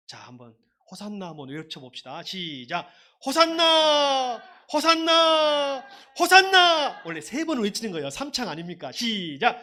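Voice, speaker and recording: A man preaching a sermon as a pastor, lively and conversational, leading his congregation in call-and-response shouts. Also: high-pitched.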